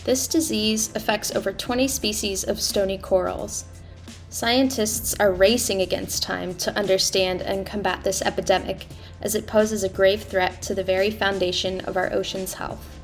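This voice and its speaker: A woman hosting a podcast, reading a scripted opening and then putting questions to her guests. She keeps a clear, measured delivery at a mid pitch, with soft music faintly underneath. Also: fairly even intonation. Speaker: podcast host. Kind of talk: scripted narration and interview questions.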